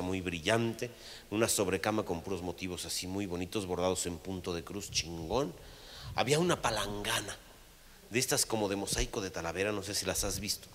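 A middle-aged man with a Mexican accent telling a crude comic story, profane and animated, acting out the voices and shouting at the punchlines. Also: on the low side. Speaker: storyteller comedian.

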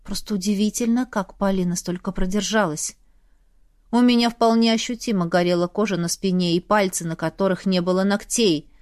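A woman's voice: medium pitch, fairly even intonation, brisk, darkish tone, no room sound, clean studio sound. Woman reading a first-person audiobook. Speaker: audiobook narrator. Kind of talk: first-person scripted narration.

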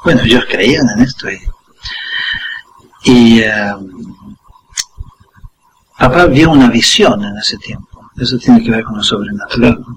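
An older man, a guest on a school radio program, telling a personal story in an unhurried way and acting out the scene with short asides. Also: medium pitch, a little hiss or hum, low-quality recording. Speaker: interview guest.

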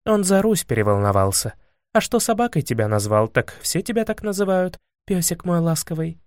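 A man doing a soft, coaxing princess. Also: fairly high pitch, big pitch swings, normal speed, dry recording, clean studio sound, pitched above the performer's own voice. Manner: soft, coaxing, half-whispered.

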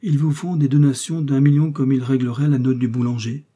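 A man's voice: mid-range voice, flat delivery, brisk, mellow, slightly rough, pitched above the performer's own voice, close to an everyday voice. A man reading aloud, voicing a tender, anxious young woman with a pleading, trembling manner. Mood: nervous.

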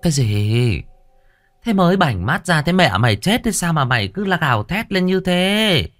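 A man's voice: mid-range voice, normal speed, fairly bright tone, clear, resonant tone, soft background music, voice pushed up, lightly acted. A man voicing a grieving middle-aged village matriarch who screeches, scolds and wails. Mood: scolding.

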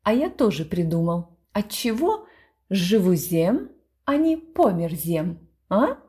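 A woman voicing a fawning, show-off male lodger who talks slowly and is pleased with himself. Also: mid-range voice, very animated, dark tone. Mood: smug.

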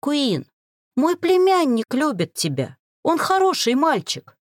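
A woman's voice: fairly high pitch, big pitch swings, normal speed, darkish tone, dry recording, pitched above the performer's own voice. Pleading traitor aunt from a storybook, read by a woman, dry close sound, swoopy voice. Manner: pleading, insistent. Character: guilty middle-aged woman, pleading traitor.

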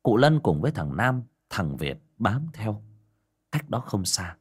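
A man narrating a scripted horror story in a dramatic, expressive way. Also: lowish voice, measured pace, slightly rough.

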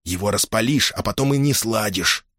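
A man's voice: lowish voice, moderate pace, fairly bright tone, no room sound, studio quality. A man voicing an anxious young Cossack soldier who urges his uncle in an urgent whisper. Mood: pleading.

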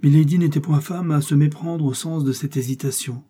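Dark, husky male audiobook narrator. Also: on the high side. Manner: measured, expressive reading.

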